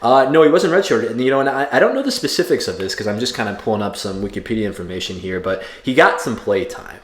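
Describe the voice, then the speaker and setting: A man's voice: medium pitch, animated, fast talker. A man in his thirties co-hosting a casual sports podcast, telling rambling stories full of fillers and restarts. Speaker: podcast co-host. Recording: roomy echo.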